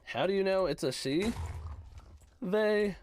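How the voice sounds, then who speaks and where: A man's voice: high voice, slow pace, darkish tone, a little hiss or hum. A man streaming a game who chats casually, reads out and teases his chat, with a voice he says is worn out. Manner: playful, teasing, slangy gamer talk. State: voice worn out, slightly hoarse. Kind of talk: casual livestream chat, reading chat aloud.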